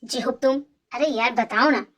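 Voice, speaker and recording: Woman dubbing a cheeky chatty young dude, highish voice, fan dub. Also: moderate pace, fairly bright tone. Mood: teasing. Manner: teasing, chatty. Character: teasing cheerful young man friend.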